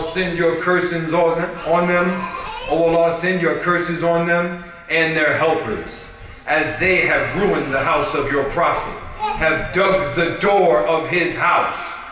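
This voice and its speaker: A man giving a sermon at a religious gathering, reading aloud in a measured, steady way. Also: on the high side. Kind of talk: sermon with read-aloud prayer. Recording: echoey hall, voice from far off.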